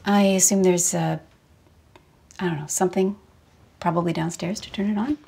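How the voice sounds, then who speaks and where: An actress playing a flustered woman fumbling about a basement and shouting up the stairs in a rambling way. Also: fairly low pitch, steady tone, moderate pace, creaky, background noise. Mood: calm.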